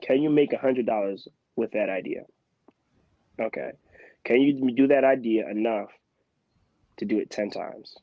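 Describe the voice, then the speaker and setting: In a casual interview, a guest from Philadelphia, a man in his twenties, makes his case with animated emphasis while keeping a measured pace and pausing often. His medium-pitched, mid-range voice is recorded close and dry, slightly muffled and dull, with no room sound.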